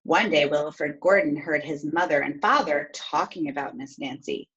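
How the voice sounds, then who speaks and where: A woman teacher reading a storybook aloud and pausing to explain things step by step in an instructive way. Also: sits low, a bit bright, slightly rough, muffled recording.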